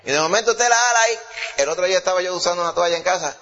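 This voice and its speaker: A fairly high-voiced man preaches with folksy, lively energy. The sound is dull and lo-fi, with a long reverb trailing each phrase, as if he were in a large hall. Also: rapid-fire. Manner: lively, folksy, with homely examples and laughs. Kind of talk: sermon.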